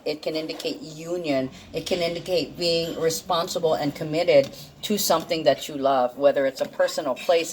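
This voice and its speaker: A woman with a low voice gives a casual, rambling tarot and astrology card reading over background noise. She thinks aloud and corrects herself, and a dental problem leaves her articulation slightly off.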